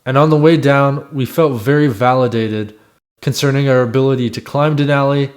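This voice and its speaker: A man's voice: medium pitch, steady tone, moderate pace. A man reading a scripted first-person voice-over about his own expedition in a reflective storytelling way. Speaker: climber narrating own expedition.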